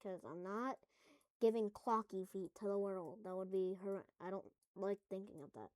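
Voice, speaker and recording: A woman's voice: mid-range voice, steady tone, moderate pace, darkish tone, dry recording. A woman at home making a casual coding tutorial, rambling through jokey asides as she works. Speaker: tutorial maker.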